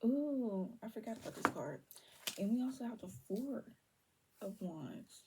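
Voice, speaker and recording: A young woman giving a casual tarot reading to viewers, keeping her voice down and slipping between low talk and soft whispers. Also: animated, measured pace, heavy background noise. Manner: holds her voice down on purpose. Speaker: tarot reader.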